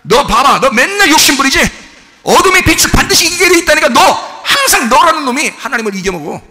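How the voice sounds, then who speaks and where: A man's voice: very high-pitched, sing-song, fast talker, bright, forceful tone, voice pushed up, exaggerated voice. A man voicing a scornful male devil who belittles and taunts the listener, in a reverberant church hall. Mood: taunting. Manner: sneering, jabbing taunts.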